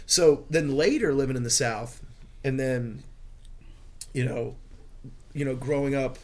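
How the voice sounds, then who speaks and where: A man's voice: medium pitch, a little slow, a little mellow. A man from the American South in casual chat, thinking aloud with hesitations and fillers.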